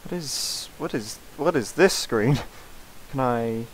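A man's voice: mid-range voice, expressive, slow, slight background noise, low-quality recording. A man commenting on a video game as he plays, rambling and mumbling in a self-mocking way. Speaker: let's play host. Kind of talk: casual gameplay commentary reading game dialogue aloud.

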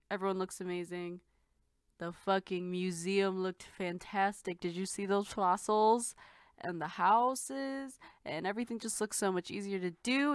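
A woman hosting a reaction video, talking casually and excitedly and swearing freely. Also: mid-range voice, no room sound, studio quality. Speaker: host.

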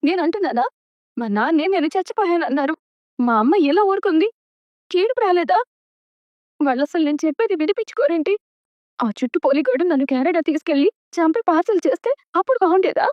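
An actress playing a stubborn young woman who stands up to her family, with sharp, defiant retorts in a TV serial. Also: very high-pitched, expressive, a little fast, dry recording. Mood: bitter. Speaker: daughter defying her family. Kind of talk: TV serial acting. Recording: dull lo-fi dry sound.

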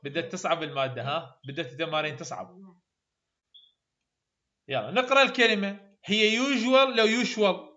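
A man with an Iraqi Arabic accent teaching English phonetics in a classroom. He repeats sounds slowly and praises his students often. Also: high-pitched, pushed and bright, muffled recording. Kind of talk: classroom pronunciation drill.

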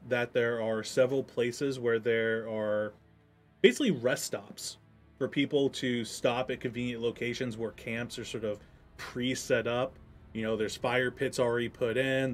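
A man narrating a tabletop game as game master, in a relaxed way with frequent ums. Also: mid-range voice.

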